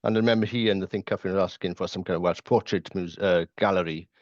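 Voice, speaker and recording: A man's voice: sits low, fairly even intonation, quick pace, darkish tone, dry recording, muffled recording. A man interviewing a guest, thinking aloud and repeating words as he shapes his questions. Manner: thoughtful, repeats words while forming questions. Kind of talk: conversational interview.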